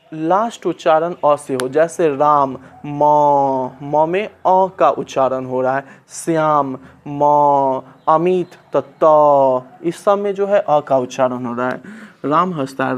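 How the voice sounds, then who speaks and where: Male tutor, unhurried and methodical, talks students step by step through translation drills, slightly raised pitch. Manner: slow, patient, asks and answers his own questions. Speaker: Sanskrit teacher. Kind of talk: classroom lesson explaining translation.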